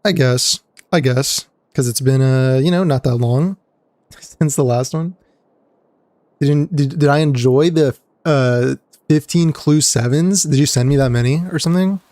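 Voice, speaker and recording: A man streaming a game chats casually and rambles, greeting viewers between trailing fillers. His mid-range voice sounds a little gravelly and dry today, a bit slow and slightly mellow, and the recording itself is dry.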